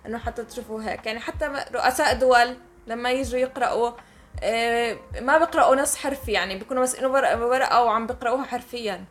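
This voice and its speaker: Very fast-talking woman with a Levantine accent. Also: a little high. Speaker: podcast co-host. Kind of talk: casual explanatory chat.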